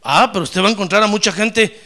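Quick-paced and high-pitched, a man gives a lively sermon. He asks rhetorical questions, adds touches of humor, and bursts out with loud praise.

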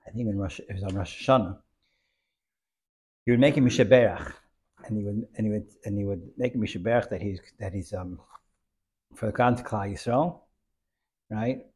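A man with gives an informal religious lesson with stories, haltingly repeating words as he goes. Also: lowish voice, a little mellow, slightly rough. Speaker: religious teacher.

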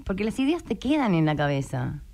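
Lively Rioplatense-accented woman coach. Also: lowish voice, a little fast. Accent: Rioplatense Spanish. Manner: lively, acts out inner voices and quotes. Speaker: guest, writer and coach. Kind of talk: radio interview chat.

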